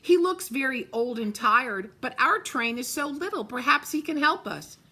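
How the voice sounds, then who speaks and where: A woman's voice: sits high, expressive, moderate pace, sharp tone, slightly rough, voice pushed up, heavily acted. A woman doing a chirpy little toy clown. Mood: hopeful. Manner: eager, calling out. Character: cheerful hopeful little toy clown, male.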